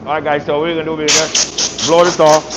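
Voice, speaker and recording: Working on car bodies in an auto shop, this man from Barbados talks fast on a live stream in his Barbadian accent, with a fairly high pitch and flat delivery. The recording is very noisy, and his easygoing chat keeps circling back to "man" and "you know what I mean".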